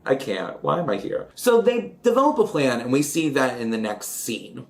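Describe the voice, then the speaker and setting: A man's voice: medium pitch, big pitch swings, normal speed. A man chatting in a campy, dramatic way while recapping an old film and doing his makeup, with giggly asides. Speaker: vlogger.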